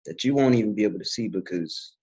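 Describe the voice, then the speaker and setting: A man's voice: on the low side, lively intonation, quick pace, dark tone, breathy edge, highs cut off. A man talking in a loose, reflective way on a podcast, full of fillers. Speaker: podcast host. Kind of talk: casual conversation.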